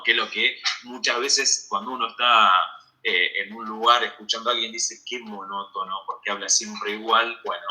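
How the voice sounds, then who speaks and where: A man lectures medical students in an online class. His voice is very bright and sharp, and he keeps checking understanding with a quick "¿sí?" as he explains each point. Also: medium pitch, poor audio.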